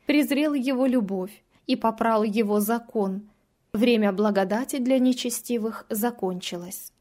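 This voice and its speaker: A woman giving a measured, solemn reading of a devotional religious text. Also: on the high side, darkish tone.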